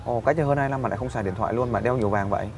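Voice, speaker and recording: Fast-talking male street interviewer. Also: mid-range voice, noisy background. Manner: formal, restates answers back. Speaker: interviewer from a volunteer search team. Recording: distant mic, loud crowd.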